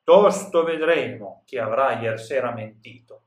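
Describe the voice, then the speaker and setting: A man's voice: mid-range voice, a little slow, roomy sound, natural voice. A man voicing an angry noble lord who scolds his cook, read in old literary language. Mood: stern, mocking. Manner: read aloud in old literary Italian, commanding. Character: angry noble male lord, stern master.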